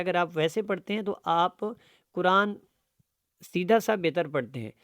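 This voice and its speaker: A male Quran teacher gives a tajweed lesson, recorded dry and close with no room sound. His voice is smooth and resonant. He moves between brisk explanation and slow, stretched-out recitation. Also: high voice, no room sound. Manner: explains quickly, then recites verses slowly and drawn out.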